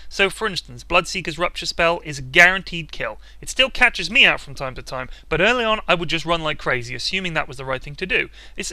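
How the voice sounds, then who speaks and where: Brief: male comic commentator, very bright tone, slightly high, sarcastic rant, dry close mic. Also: no echo. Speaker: video commentator. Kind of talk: comedic game commentary.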